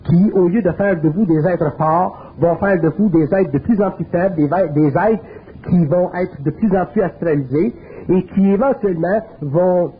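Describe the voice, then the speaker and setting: A man's voice: high-pitched, normal speed, slight background noise. A man with a Quebec French accent gives a spiritual lecture in a colloquial, earthy, emphatic way. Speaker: speaker. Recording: narrow phone-like old tape.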